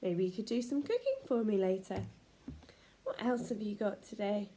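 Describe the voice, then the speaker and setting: A woman's voice: mid-range voice, sing-song, moderate pace, dark tone, slight background noise. A woman teaching a children's phonics lesson, sounding out letters in an encouraging, sing-song way.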